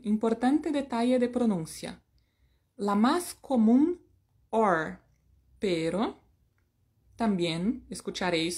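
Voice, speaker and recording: A woman with a medium-pitched, slightly mellow voice teaches an English lesson in Spanish. She is playful, breaking into bits of songs and making jokes at her own expense.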